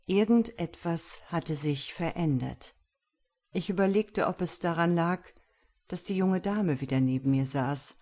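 A woman reading a story aloud in the first person, calm and even. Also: on the low side, measured pace. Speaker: audiobook narrator. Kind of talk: scripted narration of a story.

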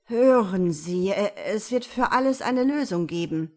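A woman voicing a stiff, condescending male bank clerk with forced politeness and a flat, monotone delivery. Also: medium pitch, measured pace, lightly acted. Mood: flustered.

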